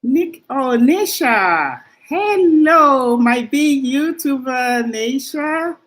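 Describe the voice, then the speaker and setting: A woman hosting a live stream, warmly greeting viewers one by one by name. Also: a little high, slow pace. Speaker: livestream host. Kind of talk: casual livestream greeting.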